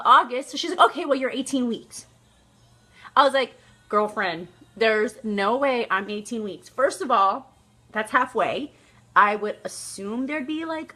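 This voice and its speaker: Bright, chatty young woman vlogger. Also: fairly high pitch. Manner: animated, chatty, laughs often. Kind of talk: casual storytelling vlog.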